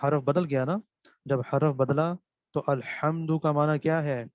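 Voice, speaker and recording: Guy teaching a class, keeps asking then answering himself, kinda high voice, dull dry recording. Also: steady tone, no echo. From Pakistan. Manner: asks questions and answers them himself, repeats key terms. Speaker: seminary teacher. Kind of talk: classroom lecture on Quran recitation.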